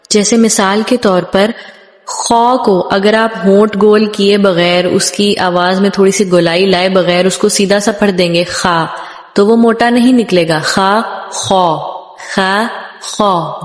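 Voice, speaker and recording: A woman teaching a tajweed lesson, patiently explaining how letters are said and modeling each sound slowly, again and again. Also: medium pitch. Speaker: Quran recitation teacher. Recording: echoey room with long reverb.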